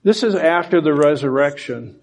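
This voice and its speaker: A man's voice: fairly high pitch, expressive, moderate pace, creaky, a little mellow. A man preaching a sermon, reading scripture aloud and explaining it with emphasis. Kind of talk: sermon Bible teaching.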